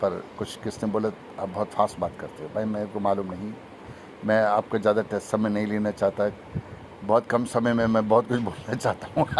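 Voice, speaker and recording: Fast-talking man preaching. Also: on the low side, slight background noise. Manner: fast-talking, emphatic, breaks into sung hymn. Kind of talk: Hindi testimony sermon.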